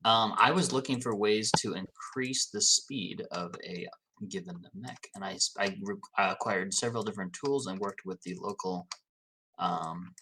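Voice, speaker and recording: A woman playing a tabletop game, earnest and polite, halting as she thinks. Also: extremely low pitch, fairly bright tone, slight background noise. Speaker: player.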